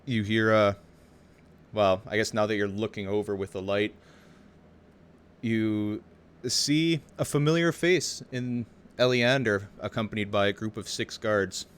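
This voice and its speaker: Low-voiced, halting male game master. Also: steady tone, clean tone. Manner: hesitant, halting, informal. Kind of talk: improvised tabletop game narration. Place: home, over online voice chat. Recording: home voice chat with background ambience.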